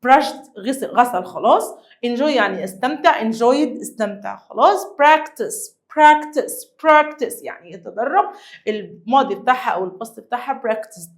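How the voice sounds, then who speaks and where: A young Egyptian woman with a high voice teaches an English lesson to children. She is lively and coaxing and repeats each new word slowly for her pupils. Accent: Egyptian Arabic. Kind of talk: classroom lesson explaining vocabulary.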